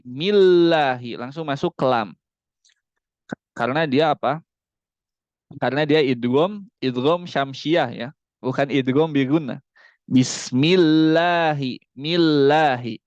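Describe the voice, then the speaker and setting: Man teaching Quran recitation, unhurried, slightly high voice, dry muffled video-call sound. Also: dry recording. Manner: explains slowly, then models each word in drawn-out recitation. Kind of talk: online Quran recitation lesson. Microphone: close mic on a video call.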